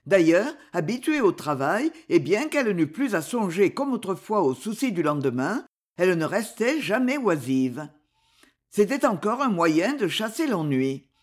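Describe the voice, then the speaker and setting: A reader narrating a French novel aloud in an expressive storytelling way. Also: mid-range voice. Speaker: audiobook reader. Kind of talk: scripted literary narration.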